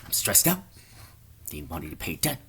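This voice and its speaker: A man's voice: low voice, huge pitch swings, normal speed, pushed and bright, a little hiss or hum, heavily acted. A man voicing a stressed, swearing male chain smoker who rants about debt in a weary voice. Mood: ranting.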